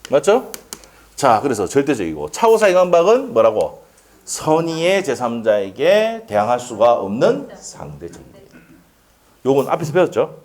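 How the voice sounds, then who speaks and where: A male lecturer teaching law in a classroom, in a relaxed, conversational tone. His pitch leaps up and drops low from phrase to phrase, full of rhetorical questions and quick laughs. He keeps checking in with the class as he goes. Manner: chatty, asks the class questions and answers them himself; laughs often and jokes with students.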